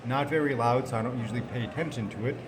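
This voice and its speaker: A man's voice: medium pitch, fast talker. A man talking casually to camera in a rambling, self-deprecating, matter-of-fact way, recording indoors in a hospital corner. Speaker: vlogger documenting cancer treatment. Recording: public indoor space, background chatter.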